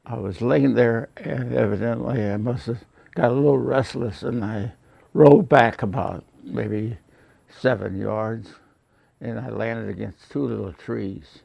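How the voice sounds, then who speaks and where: An elderly American man, a war veteran, remembering his service aloud in halting, plainspoken, unscripted recollection. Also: fairly low pitch, creaky, darkish tone, no room sound. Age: elderly, late 80s or older.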